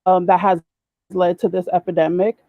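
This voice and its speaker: A woman's voice: fairly low pitch, little pitch movement, dry recording. Woman on glitchy, cutting-out call audio. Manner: apologetic, halting, with many fillers. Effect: corrupted glitchy audio cutting out over a video call. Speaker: panel guest on a livestream. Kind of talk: casual chat. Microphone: video call. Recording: tinny dry video-call audio.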